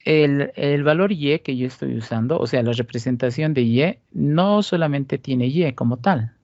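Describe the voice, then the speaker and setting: In a lo-fi recording with no room sound, a Cochabamba-accented Bolivian teacher lectures on statistics in a mid-range, darkish voice at a measured pace. He walks through each step, poses rhetorical questions, and keeps asking "¿listo?"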